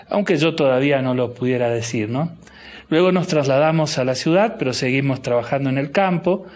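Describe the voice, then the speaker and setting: A middle-aged man with an Argentine accent, a bishop answering interview questions slowly and thoughtfully, with many restarts and fillers. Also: fairly high pitch, a little mellow. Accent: Argentine Spanish. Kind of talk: interview guest.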